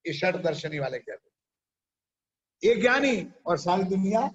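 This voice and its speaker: A man's voice: on the high side, animated, a little fast, a little mellow, husky, highs cut off. A man preaching a sermon. He tells a parable and keeps stopping to quiz his listeners. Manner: questions the audience often. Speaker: religious preacher.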